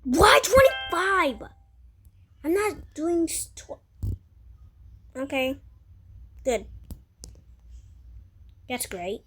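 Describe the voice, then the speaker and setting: High-pitched, excitable female gamer. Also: drawn-out words, long pauses, soft background music. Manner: excitable, exclaiming and muttering to self. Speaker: gamer narrating gameplay. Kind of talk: casual gameplay commentary.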